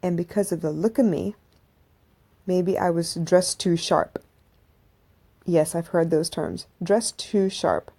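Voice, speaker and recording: This podcast host, a woman in her thirties, delivers a relaxed, thoughtful monologue to listeners full of asides and restarts, broadcast as a live stream from a phone. Her voice sits on the low side, animated yet slow-paced with long pauses, dark-toned and slightly rough.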